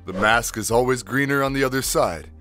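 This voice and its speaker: A man in the middle pitch range gives scripted recap narration as a video narrator, with faint music in the background. He talks a little fast, and his tone is fairly bright.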